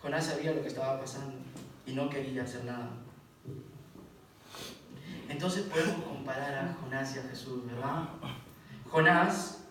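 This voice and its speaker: A man preaching a sermon, reading scripture in loud emphatic bursts and dropping low for quieter asides. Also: moderate pace, pauses often. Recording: echoey hall from far off, faint noise.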